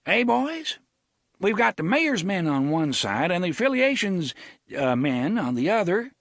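A man voicing a fat, hungover small-town sheriff who talks in a folksy rustic dialect and scolds loudly. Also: high-pitched, very animated, measured pace, dry recording, studio quality, voice pushed up, heavily acted. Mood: scolding.

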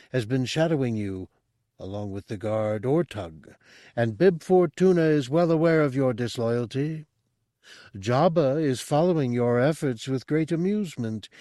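A telepathic spider-bodied monk speaks in a voice pitched well above the reader's own, soft and measured, coaxing a listener toward his offer, as a man puts him on. He is a non-human figure in an audiobook, calm and persuasive. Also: no echo, clean studio sound, close to an everyday voice.

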